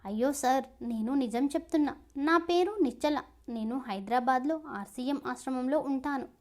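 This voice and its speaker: A woman voicing a frightened young woman pleading with police, high and near tears. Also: normal speed, darkish tone, natural voice.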